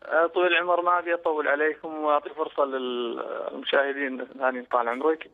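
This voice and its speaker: A man phones in to a religious show, polite and halting, full of fillers. He talks quickly in a fairly high voice. The line is tinny and thin, with a lingering reverb. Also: flat delivery. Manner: polite, hesitant, with many fillers. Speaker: caller.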